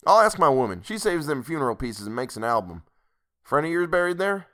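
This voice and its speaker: A nosy old innkeeper rattles on in a rural American drawl, a man lifting his voice to play him, pitched higher than the narration. The tone stays bright and forward, homely and sociable. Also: big pitch swings, a little fast. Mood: curious. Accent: rural American dialect. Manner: folksy, talkative, nosy. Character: shrewd chatty old country innkeeper, man. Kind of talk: audiobook character voice.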